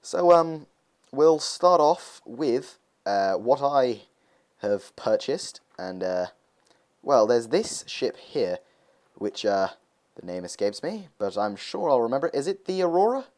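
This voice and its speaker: A man's voice: mid-range voice, very animated, takes it slowly, a little mellow. A young man talking casually over gameplay footage, rambling with lots of hesitations as he hosts his gaming video.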